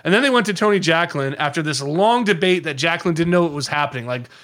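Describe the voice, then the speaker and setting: Lively, raised-voiced man telling stories. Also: fairly high pitch, fast. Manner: lively, digressive storyteller who slips into quoted voices. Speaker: podcast guest. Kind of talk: casual storytelling on a podcast.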